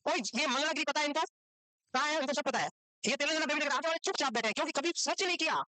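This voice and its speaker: A woman's voice: high voice, fast talker, pushed and bright, no echo. A woman teaching a nursing exam class in a classroom, quizzing her students and scolding them for not knowing the answers. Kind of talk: classroom lecture.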